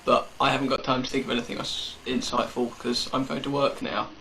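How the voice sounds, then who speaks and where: A man's voice: mid-range voice, flat delivery, brisk, creaky, pushed and bright. A young man, rambling and joking self-mockingly while recording a birthday message on an old home camcorder tape. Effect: old hissy camcorder tape. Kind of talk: casual home video chat.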